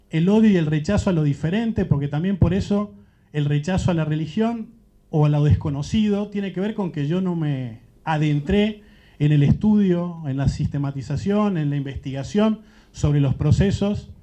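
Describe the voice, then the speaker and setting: A man's voice: a little high, normal speed, dark tone. A man from Central America speaking as a panelist, thinking aloud in an earnest, searching way. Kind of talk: reflective panel talk. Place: panel event. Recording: dull muffled event recording.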